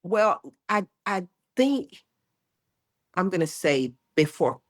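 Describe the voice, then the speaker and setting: A woman in her sixties, a health educator talking as a guest in an interview, emphatic and lively, often acting out what people say. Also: lowish voice, slow pace, no room sound, studio quality. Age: 60s. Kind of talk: casual interview chat.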